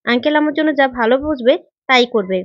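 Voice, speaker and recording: A woman voicing a hurt, defiant young woman student, with quick, indignant retorts. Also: high-pitched, animated, no echo. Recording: dull, lo-fi recording.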